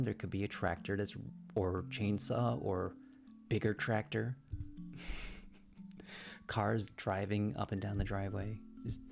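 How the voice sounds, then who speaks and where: This is a man with a fairly low, slightly mellow voice, livestreaming in a relaxed way from a room in a shared house with thin, echoey walls. He rambles, restarting often and leaning on fillers, while clear music plays beneath him.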